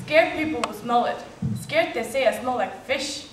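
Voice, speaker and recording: A woman's voice: on the high side, normal speed, close to an everyday voice. A young woman performing a stage monologue with earnest, confessional telling. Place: stage in a hall. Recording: roomy hall from far off, faint noise.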